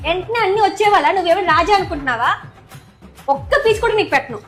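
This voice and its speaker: A woman's voice: very high voice, lively intonation, brisk, faint music behind. A woman acting a scolding, boastful wife in a comedy skit. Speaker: comedy sketch performer.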